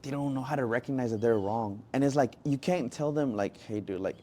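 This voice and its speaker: A man's voice: mid-range voice, a little fast, warm tone, a little hiss or hum. A man co-hosting a podcast in casual chat, rambling with lots of "bro" and "like". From Mexican-American family. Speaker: podcast co-host.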